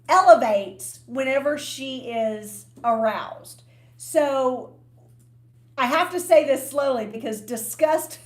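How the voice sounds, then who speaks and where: A woman co-hosting a podcast, giving frank, unhurried relationship advice in a casual, explanatory way. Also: fairly high pitch. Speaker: podcast co-host. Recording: echoey room.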